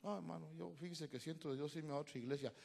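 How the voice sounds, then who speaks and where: Animated preaching man, gravelly and husky. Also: on the high side, fast. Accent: Central American Spanish. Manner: animated preaching, swinging from shouts to hushed asides with laughter. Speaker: pastor. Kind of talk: sermon.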